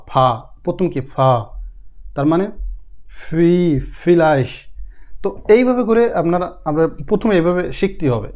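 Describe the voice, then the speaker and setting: A man's voice: a little high, a little mellow. A man teaching a casual spoken lesson, repeating each sound several times and explaining in loose, rambling sentences with many restarts. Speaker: language teacher.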